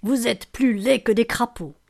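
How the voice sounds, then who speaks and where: A woman's voice: a little high, unhurried, vocal fry, a little mellow. A woman voicing a nasty spoiled girl in a storybook, hissing and scornful.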